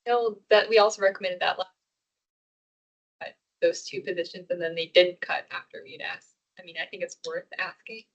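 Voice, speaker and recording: A woman's voice: on the low side, steady tone, fairly quick, lo-fi sound. Woman asking questions in a meeting. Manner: casual, questioning. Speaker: housing commission member. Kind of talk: public meeting discussion.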